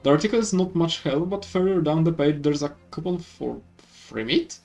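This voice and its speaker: A man's voice: on the high side, animated, normal speed, creaky, a little mellow. A man from Poland with a Polish accent, reading game text aloud in a let's play, stumbling and correcting himself. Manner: reads with stumbles and self-corrections. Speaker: gaming YouTuber. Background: faint game music.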